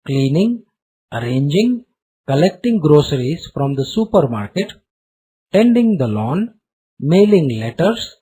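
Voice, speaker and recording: A man playing a short, narrow-eyed salesman who delivers a slick sales pitch like a recorded program. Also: dark tone, breathy edge, exaggerated voice.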